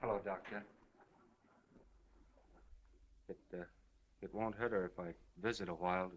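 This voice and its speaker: An actor playing an earnest, smitten newspaperman, halting and tender, in 1930s screwball comedy film banter. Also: deep voice, fairly even intonation, dull audio. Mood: awkward. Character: earnest, smitten newspaperman, awkwardly gentle and solemn.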